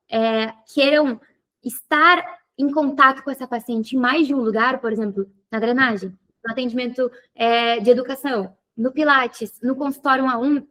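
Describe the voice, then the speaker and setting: A woman's voice: high voice, a bit bright. A woman hosting an interview, talkative and thinking aloud with many fillers. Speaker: podcast host and physiotherapy teacher. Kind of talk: casual interview chat.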